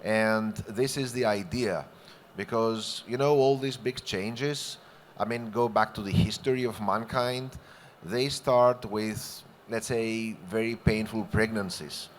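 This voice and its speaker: A man's voice: on the low side, slow, a little hiss or hum. A man from Greece speaking on a conference panel in an expansive, good-humored way, using vivid imagery. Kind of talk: panel discussion remarks.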